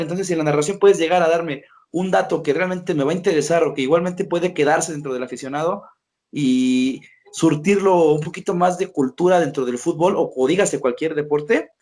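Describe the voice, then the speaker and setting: Slightly high-voiced male interview host. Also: darkish tone. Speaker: podcast host. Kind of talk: casual interview talk.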